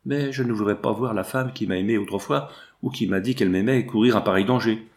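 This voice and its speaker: A man's voice: lowish voice, fast, natural voice. A man voicing a jealous young male hunter, speaking earnestly and urgently. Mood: defiant.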